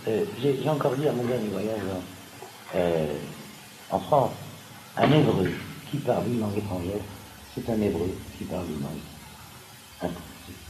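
A man giving a lively seminar lecture, pausing with frequent asides and restarts. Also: on the low side. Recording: echoey room with background noise.

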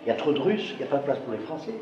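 A man's voice: medium pitch, very animated, rapid-fire, lo-fi sound. A man giving an emphatic lecture to an audience, often stopping to check they follow. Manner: emphatic, keeps checking with rhetorical questions. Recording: echoey room with background noise.

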